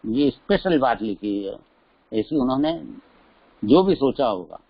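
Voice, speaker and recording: A man's voice: medium pitch, measured pace, husky, no room sound. Man telling a sermon story, lo-fi. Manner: lively storyteller, acts out voices in quotes. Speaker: Jain scripture teacher. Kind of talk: religious discourse with storytelling. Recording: dull lo-fi dry recording.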